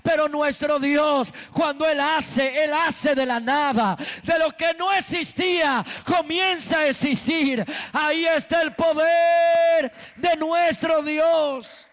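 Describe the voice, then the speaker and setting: A man preaching a sermon from a pulpit microphone in church, emphatic and often breaking into shouts. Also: very high voice, fairly even intonation, slow pace, long reverb tail.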